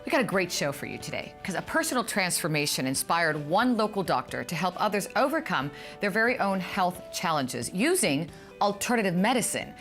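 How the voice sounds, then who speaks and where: A woman's voice: fairly low pitch, big pitch swings, fairly quick, fairly bright tone, soft background music. A woman hosting a broadcast health show, interviewing a guest in an informal, conversational way. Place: broadcast studio.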